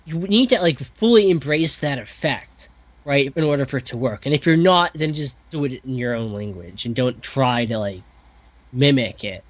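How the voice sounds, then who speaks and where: A man's voice: medium pitch, normal speed, no echo, dull audio. A man talking casually and thoughtfully on a podcast, full of fillers, restarts and self-corrections. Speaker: podcast guest, composer. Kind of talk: casual discussion.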